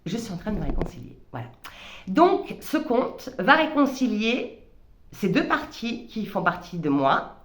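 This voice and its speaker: A woman's voice: mid-range voice, very animated, a little slow. A woman talking reflectively in a personal vlog, hesitant, with many stammered restarts. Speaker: vlogger. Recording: roomy echo.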